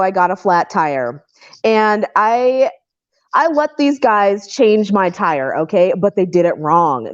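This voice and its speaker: A woman's voice: mid-range voice, no room sound. A woman on a video call, telling stories in a chatty way and laughing often. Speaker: caller. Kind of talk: casual call-in chat. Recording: dry, dull lo-fi call audio.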